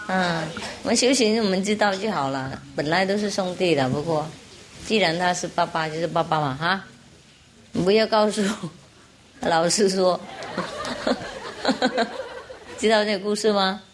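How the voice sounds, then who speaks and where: A woman's voice: fairly low pitch, moderate pace, a little hiss or hum. A woman teaching an audience, telling jokes in a playful, rambling way and often laughing between lines. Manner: rambling, forgetful asides. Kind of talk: joke-telling talk to an audience.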